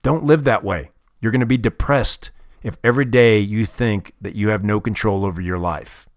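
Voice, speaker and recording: A man's voice: fairly low pitch, moderate pace, dry recording, studio quality. A man giving a motivational talk, blunt and heavily profane, hammering home his points with emphasis. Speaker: motivational speaker.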